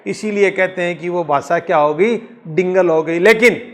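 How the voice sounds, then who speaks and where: A male teacher with a Rajasthani accent giving an exam-prep lecture, explaining slowly, repeating key points and answering his own questions. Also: sits high.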